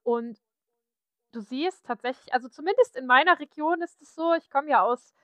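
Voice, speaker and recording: A woman's voice: sits high, normal speed, a bit bright, no echo. A woman from Saxony talking frankly and chattily in a casual podcast conversation. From Saxony, Germany. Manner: frank, chatty, many fillers.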